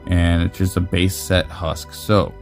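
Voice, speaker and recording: A man's voice: deep voice, level tone, a little slow, creaky, soft background music. A man in his forties from the United States, casually commenting while opening trading cards, joking, rambling and swearing freely. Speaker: card-collecting channel host.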